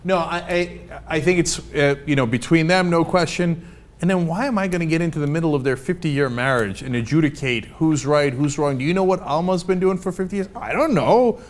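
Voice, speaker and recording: A man's voice: fairly high pitch, brisk. A man hosting a casual news commentary show, talking bluntly and conversationally with frequent fillers. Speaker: host.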